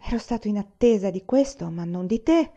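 A woman reading the part of an earnest grown revolutionary man in an audiobook, brisk and plain. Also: mid-range voice, expressive, dark tone, muffled recording.

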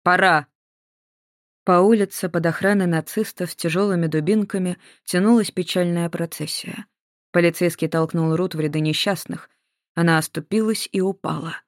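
An audiobook narrator reading in an even, measured voice of middle pitch. The sound is dry and close to the mic, with no room around it. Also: no room sound. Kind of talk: scripted narration.

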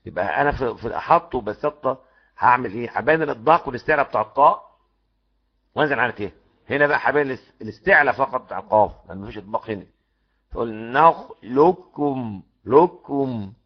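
An Egyptian man teaches Quran recitation and drills each sound aloud for his class. His voice is gravelly, and the recording sounds dull and muffled. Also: mid-range voice, very fast. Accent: Egyptian Arabic. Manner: animated, demonstrates sounds repeatedly, asks the class questions. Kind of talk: lecture on tajweed rules.

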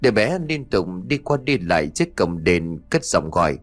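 A man tells a horror story in a steady, measured reading voice, pitched low, with faint music underneath. The delivery stays even and deliberate as he narrates.

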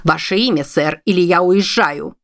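A woman voicing a stout middle-aged woman, curt and wary, who turns shrill when alarmed. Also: normal speed, dry recording, clean studio sound, lightly acted. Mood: stern.

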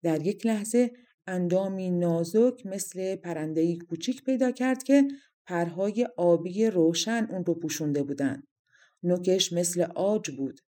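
A woman narrating a fairy-tale audiobook in a calm, measured reading. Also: lowish voice. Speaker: storyteller.

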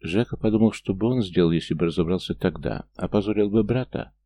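A man reading a story aloud as audiobook narrator, steady and measured. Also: sits low, a little hiss or hum. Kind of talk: scripted narration.

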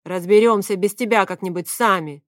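A woman voicing a furious shouting man. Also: sits high, unhurried, no echo, studio quality. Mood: angry threatening. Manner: yelling, threatening demands. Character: furious shouting man, hot-tempered and threatening.

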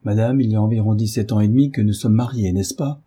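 A man reading a drunken, brutish middle-aged husband, speaking slowly with slurred pauses and a low, husky, dark voice. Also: steady tone. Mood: drunk, menacing. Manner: slow, slurred, with frequent pauses.

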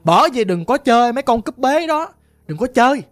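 A soothing older aunt in a spoken ghost story, voiced by a woman, murmuring low and hushed with a Southern Vietnamese accent. The voice stays soft and gentle. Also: big pitch swings, brisk, dry recording, clean studio sound, faint music behind.

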